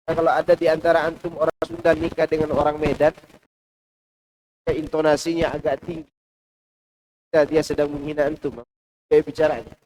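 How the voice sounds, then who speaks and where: A male preacher giving a Quran commentary lecture in a large mosque, with a lively delivery that swings between loud and hushed. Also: on the high side, slight background noise, low-quality recording. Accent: Indonesian.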